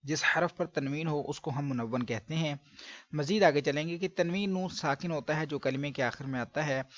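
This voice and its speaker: A man teaching Quran recitation step by step, from Pakistan, patiently drawing out syllables in drills. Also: fairly high pitch. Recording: dry, dull lo-fi recording.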